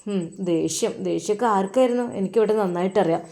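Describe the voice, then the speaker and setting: A woman voicing a young male madrasa teacher with a Malappuram accent, who talks calmly and asks plain questions. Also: mid-range voice, fast talker, natural voice. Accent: Malappuram Malayalam.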